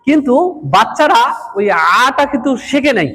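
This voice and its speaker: In a madrasa hall with long, echoing reverb, a man lectures to train madrasa teachers, repeatedly quizzing his audience. His voice is very high and fairly bright, at a normal pace.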